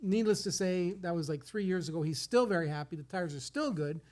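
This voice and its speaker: A middle-aged man who owns a tire shop, telling an animated story and acting out what his customer said. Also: sits high, brisk. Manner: animated anecdote teller, acts out customer quotes. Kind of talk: storytelling in casual podcast chat.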